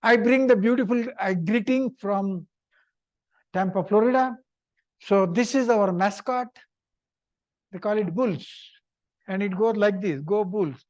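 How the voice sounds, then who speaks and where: High-pitched older man giving informal lecture. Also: unhurried, pauses often, dull audio. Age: middle-aged or older. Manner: chatty, repetitive, short simple phrases. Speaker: visiting professor giving a seminar talk.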